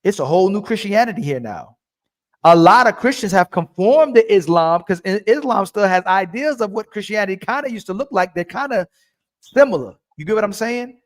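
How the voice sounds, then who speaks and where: A man's voice: high-pitched, lively intonation, a little fast. A man hosting a livestream call-in debate, pressing his caller with repeated questions. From family from Turkey. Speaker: livestream host.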